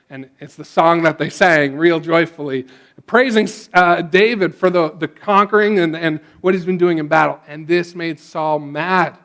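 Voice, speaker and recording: A male pastor retelling a story in a casual sermon, with frequent restarts and a relaxed way of talking. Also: a little high.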